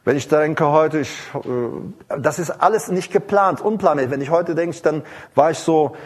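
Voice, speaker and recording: A man with a husky voice on the high side preaches at a moderate pace. His sermon is casual and meandering, with many fillers and restarts, and between sentences he breaks into song and tongues.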